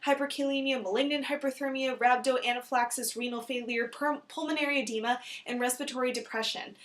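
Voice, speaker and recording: A woman playing an earnest young nurse who explains a drug in a brisk, textbook-like way, as in an instructional skit. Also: fairly high pitch, a bit bright, close to an everyday voice. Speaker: nurse in a student case-study skit.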